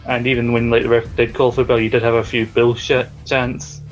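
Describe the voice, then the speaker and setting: A man chats as a panelist on a casual podcast, loose and conversational. His mid-pitched voice stays quite flat, with music underneath. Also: brisk, muffled recording. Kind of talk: casual wrestling opinion chat.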